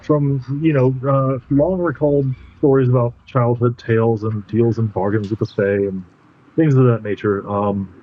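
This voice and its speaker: A man narrating a tabletop game as game master in a casual, halting, descriptive way. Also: medium pitch, fairly even intonation, highs cut off.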